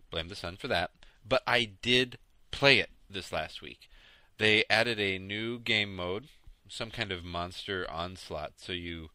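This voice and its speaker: A man in his thirties hosts a casual gaming podcast late at night, sounding tired and rambling. His voice is sharp and bright but sits a bit low, recorded very dry and close. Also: no echo. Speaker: podcast host. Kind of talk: casual solo podcast chat about games.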